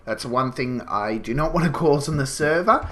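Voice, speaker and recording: At normal speed and medium pitch, a gaming channel host sounds pushed and bright. Sniffling with a slight cold, he rambles casually over gameplay, explaining as he goes and peppering his talk with fillers.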